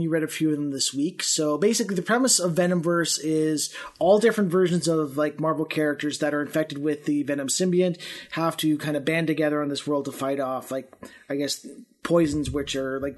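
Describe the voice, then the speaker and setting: A man from Canada hosting a casual podcast chat, relaxed and full of fillers. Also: a little high, moderate pace. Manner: relaxed, chatty, many fillers. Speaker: podcast host.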